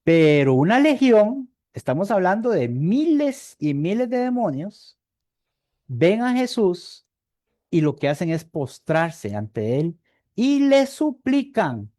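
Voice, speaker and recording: Costa rican guy preaching, kinda high voice but warm and mellow, keeps asking verdad. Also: very animated, takes it slowly, dry recording, studio quality. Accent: Costa Rican Spanish. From Costa Rica. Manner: conversational, asks the congregation "¿verdad?" often; repeats words while searching for them. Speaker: evangelist preacher. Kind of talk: sermon.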